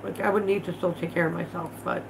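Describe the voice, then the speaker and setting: Speaking fast in a lowish, creaky voice with mostly level intonation, this vlog host chats from indoors at home over some background noise. She's in her thirties, stuffy from allergies, and swears openly while keeping her hands busy during a casual livestream.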